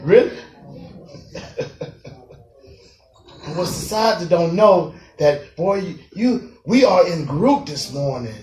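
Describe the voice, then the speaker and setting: A man preaching to a group of parolees, animated, laughing and acting out voices as he goes. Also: high-pitched, slow, pauses often, faint music behind. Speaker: prison minister. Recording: echoey room, mic far off.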